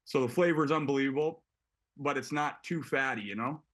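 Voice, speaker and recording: A man's voice: mid-range voice, a bit bright. Man chatting over a video call. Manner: halting, many restarts, laughs easily. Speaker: guest, hockey player. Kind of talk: casual chat.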